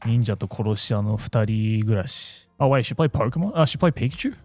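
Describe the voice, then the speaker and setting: A man's voice: lowish voice, animated, fast talker, a little mellow. Man chatting casually over faint music. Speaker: co-host. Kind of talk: casual chat, short agreeing interjections.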